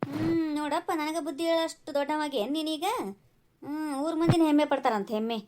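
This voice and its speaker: A woman voicing a sharp-tongued, complaining village mother in a cartoon. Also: high-pitched, brisk, noisy background, close to an everyday voice. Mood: grumbling. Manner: scolding, sarcastic, complaining. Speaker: voice actor. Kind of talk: cartoon voice acting.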